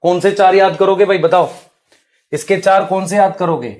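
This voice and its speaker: A man's voice: high-pitched, steady tone, moderate pace, a little mellow. A male biology teacher, explaining at the board and quizzing students with rhetorical questions. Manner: addresses students as beta and bhai.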